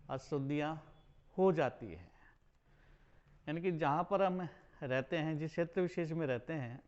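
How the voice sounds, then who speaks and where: A male college lecturer giving a spelling lesson, explaining slowly and deliberately, repeating and correcting words as he goes. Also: on the high side, a little mellow, dull audio. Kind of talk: recorded Hindi spelling lesson.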